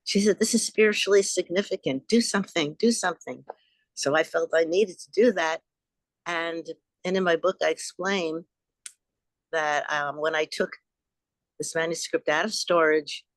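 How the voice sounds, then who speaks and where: A woman's voice: deep voice, no room sound. Older new lady telling stories, kinda rambling, earnest, dry sound. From Long Island, New York. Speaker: guest, author. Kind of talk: storytelling in an interview.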